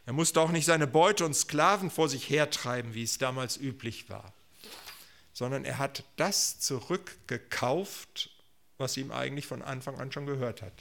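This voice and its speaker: A man preaching a sermon, swinging between loud proclamations and quiet, almost whispered asides. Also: medium pitch, moderate pace, creaky.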